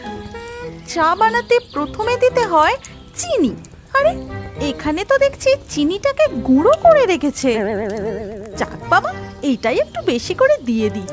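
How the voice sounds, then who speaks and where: A spoiled, whiny young bride. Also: female voice, very high voice, very animated, moderate pace, long pauses. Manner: whiny and petulant. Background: music.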